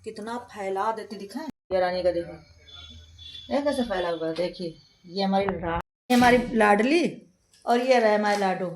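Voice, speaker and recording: A woman's voice: medium pitch, normal speed. A woman, a mother, talking casually to camera at home in a chatty way, and sometimes scolding her kids. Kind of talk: casual home vlog narration. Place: indoors at home. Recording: echoey room with faint noise.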